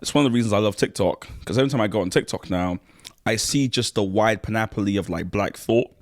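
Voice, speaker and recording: A man co-hosts a relaxed podcast, his voice sitting on the low side. He talks in an animated, laughing way and sometimes chews while he talks. The sound is close and dry, with no room around it. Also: fast, no echo. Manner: animated, laughs often, eating while talking. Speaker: podcast host. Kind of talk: casual podcast chat.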